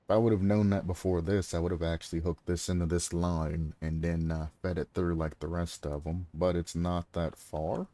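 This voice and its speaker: A man talking through his gameplay on a live stream, thinking aloud and throwing sarcastic asides at chat, clearing his throat now and then. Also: low voice, level tone, moderate pace, few pauses, warm tone, no room sound. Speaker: game streamer. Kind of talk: casual gameplay commentary.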